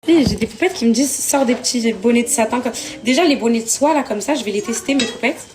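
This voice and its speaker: A woman's voice: fairly high pitch, fast talker, a little mellow. Tired, venting young French woman. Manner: venting, exasperated, repetitive. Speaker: vlogger. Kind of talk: casual vlog chat. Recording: household clatter behind.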